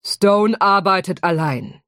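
A woman doing a loud, brawling male dragon. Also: on the high side, expressive, takes it slowly, no room sound, studio quality, voice pushed up. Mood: knowing, ominous. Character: drunk, boastful male dragon, brawling and grandstanding.

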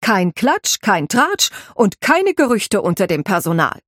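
A woman voicing a strict head housekeeper who drills a new maid in firm, commanding instructions, slightly husky. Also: mid-range voice, sing-song, unhurried, fairly bright tone, no echo, studio quality. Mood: stern.

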